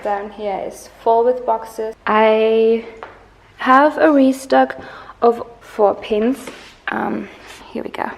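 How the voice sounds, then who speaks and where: Chatty young woman with a gravelly edge. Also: a little high, a little hiss or hum. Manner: chatty, laughs often, many ums. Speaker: artist vlogger. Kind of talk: casual studio vlog. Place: home art studio.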